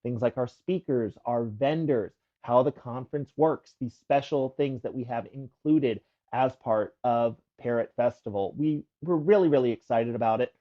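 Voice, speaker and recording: A man's voice: medium pitch, normal speed, few pauses. A man co-hosting a livestream, giving casual, upbeat announcements in a chatty, promotional way. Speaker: livestream co-host. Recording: dull lo-fi livestream audio.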